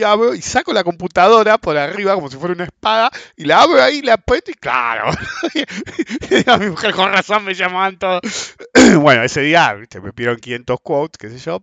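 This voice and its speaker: Speaking in a fairly high, slightly bright voice, a middle-aged Rioplatense Spanish speaker recounts his experience as a bond trader. His talk is colloquial and relaxed, with dialogue he acts out. The recording is dull, dry and close.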